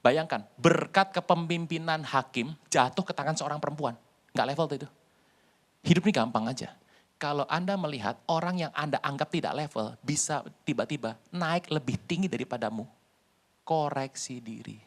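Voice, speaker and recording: A male pastor preaching a sermon in a lively storytelling way, with jokes. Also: a little high, normal speed.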